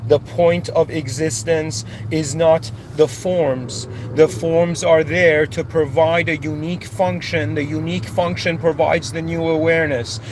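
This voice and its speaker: A man's voice: fairly high pitch, background noise. A man born in Iran and raised in Canada, giving an impassioned, searching spiritual monologue with many restarts and rising outbursts. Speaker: spiritual speaker.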